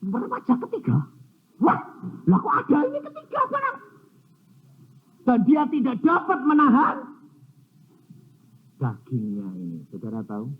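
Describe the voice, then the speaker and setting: A man's voice: very high voice, wildly swooping pitch, a little slow, pauses often, slightly rough. A man preaching a sermon, telling stories animatedly and acting out both sides of conversations. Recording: tinny phone-like sound with faint noise.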